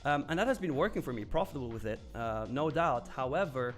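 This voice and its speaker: With soft music in the background, a Swiss man hosting a live trading stream talks fast in a medium-pitched, expressive voice. He chats loosely and candidly while answering viewer comments, using frequent fillers and the odd curse.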